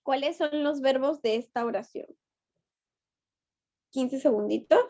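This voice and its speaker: High-voiced lady teacher, talks slow, keeps asking the class stuff, kinda muffled lo-fi online class sound. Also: mellow. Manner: patient, coaxing, asks students questions. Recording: dull lo-fi online class audio.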